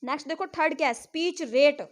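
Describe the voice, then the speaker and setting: A woman's voice: sits high, fast. A woman teaching a class, lecturing and teasing and scolding her students as she explains.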